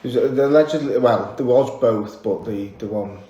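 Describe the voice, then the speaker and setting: A man with a Merseyside accent, a podcast guest talking candidly in a relaxed way, pausing often. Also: mid-range voice, highs cut off. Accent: Merseyside English. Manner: relaxed and candid, with pauses and fillers. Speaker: interview guest. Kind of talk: casual interview chat. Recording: echoey room.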